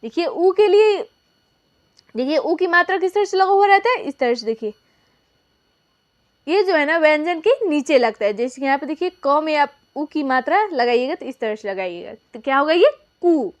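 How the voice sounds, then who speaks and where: A woman's voice: high-pitched, animated, moderate pace. A woman teacher explaining a lesson step by step, asking questions and answering them herself. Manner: asks and answers her own questions, repeats key points. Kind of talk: classroom lesson.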